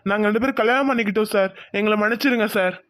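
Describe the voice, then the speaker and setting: A woman's voice: mid-range voice, racing, a bit bright, pitched below the performer's own voice, lightly acted. A woman voicing an earnest, polite young husband in a cartoon.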